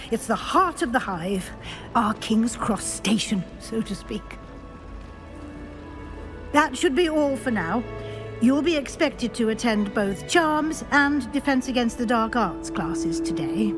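A brisk older female professor, stern and proper, delivers lines in a game cutscene, her fairly high voice riding over clear orchestral music. She's crisp, businesslike and clipped, moving things along with firm authority.

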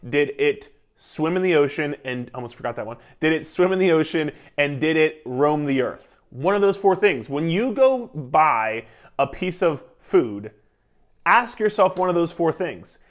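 A man in his thirties talks straight to the camera as a nutrition coach, energetic and emphatic, with a slightly higher voice than most men. He is in a living room, clipped with a lapel mic. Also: measured pace. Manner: energetic, emphatic, gestures a lot while talking. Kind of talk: casual instructional talk to camera. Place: living room indoors, beside a whiteboard.

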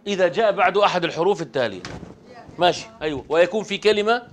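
A man teaching a Quran recitation class, asking the students quick questions in a conversational way. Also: sits high, lively intonation, fairly bright tone, slight background noise.

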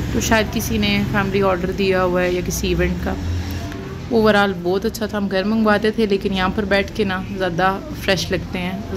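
A woman from Pakistan with a Punjabi Urdu accent, chatting casually as a food vlogger and questioning a shopkeeper. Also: medium pitch. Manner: chatty, asks shopkeeper questions, says matlab often. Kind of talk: casual food vlog narration. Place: outdoors in a busy market street and small shop. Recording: phone audio with loud street noise.

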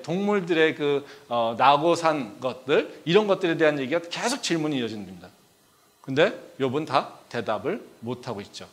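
A man preaching a sermon as pastor, talking in a conversational way and acting out dialogue, swinging between loud pleas and quiet asides, often dropping in a short filler. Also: on the high side. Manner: frequent filler "ye".

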